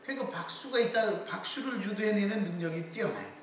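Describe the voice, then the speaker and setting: A man's voice: high voice, fast talker, slight background noise. A middle-aged man lecturing on public speaking, telling stories and quoting people's voices as he goes. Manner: lively storytelling with quoted voices. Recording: echoey hall, voice from far off.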